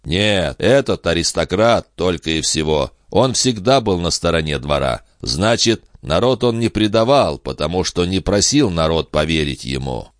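A gruff, grave older farmer, as a male audiobook reader voices him. He speaks tersely in a very low voice, stern and grumbling. The recording is dry and close. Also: animated, normal speed, few pauses, dry recording.

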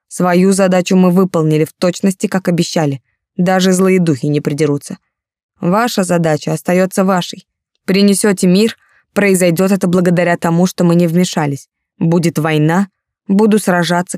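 A stern, clever male warrior speaks bluntly and measuredly in a low, mellow voice, as a woman narrator reads him. The sound is close and dry, with no room around it. The storybook delivery stays firm and unhurried. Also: no echo, natural voice.

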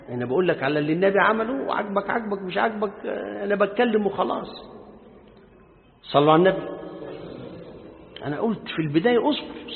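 A man with an Egyptian accent giving a colloquial religious lesson, joking and talking straight to his listeners. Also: high-pitched. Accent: Egyptian Arabic. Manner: lively, joking and addressing listeners directly. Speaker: Islamic scholar teaching a lesson. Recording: tinny lo-fi recording in a reverberant hall.

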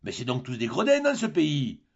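A man voicing an excitable, indignant grown man who exclaims in outrage. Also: high voice, fairly quick, creaky, husky, muffled recording, pitched above the performer's own voice, full character voice.

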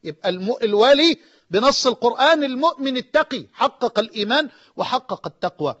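Egyptian preacher guy, really high voice, fired up then going quiet, dull lo-fi sound. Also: animated, quick pace. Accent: Egyptian Arabic. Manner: impassioned, rising to near-shouts and dropping low. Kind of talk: emotional Egyptian sermon. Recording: dull lo-fi audio.

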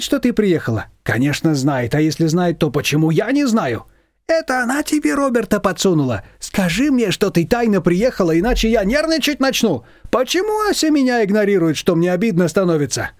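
A man's voice: high-pitched, darkish tone, no echo, studio quality, pitched above the performer's own voice. A man voicing a talkative, boastful old taxi driver who rambles indignantly.

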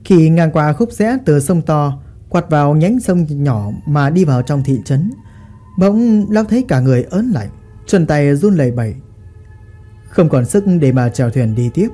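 Expressive woman telling a ghost story. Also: low voice, moderate pace, faint music behind.

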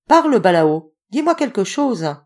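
A woman reading an audiobook voices a dignified old scholar who speaks with calm, coaxing authority. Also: mid-range voice, measured pace, pitched above the performer's own voice.

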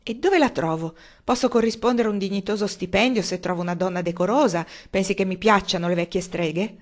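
Loud gruff old man, scornful drinker, bluster, woman narrator voicing him. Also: brisk, close to an everyday voice. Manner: booming and blustering.

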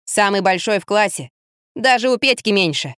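A woman reading an audiobook, voicing an outspoken, excitable girl who exclaims loudly. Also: medium pitch, moderate pace, no echo, clean studio sound, natural voice. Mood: mocking.

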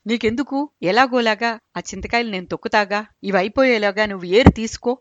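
A woman voicing a loud, bossy elderly man who orders his wife about in a grocery shop. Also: sits high, fairly quick, muffled recording, lightly acted. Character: loud bossy old man craving pickle.

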